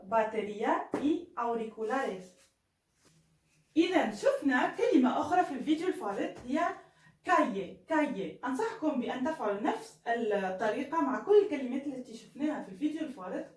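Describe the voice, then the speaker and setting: A woman teaching Spanish in an online lesson, saying Spanish phrases slowly and clearly between quicker explanations. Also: fairly high pitch, echoey room, distant mic, rough recording.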